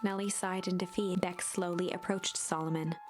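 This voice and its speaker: A woman's voice: on the low side, steady tone, normal speed, over music. A woman narrating a story game in a scripted storybook style.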